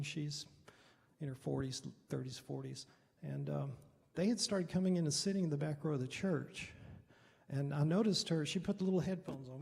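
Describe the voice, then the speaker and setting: This is a middle-aged pastor from America, recounting his own experiences in a casual, stop-and-start teaching style punctuated by throat clearing. The voice is gravelly and husky, pitched somewhat high and a little mellow, with long reverb from a hall.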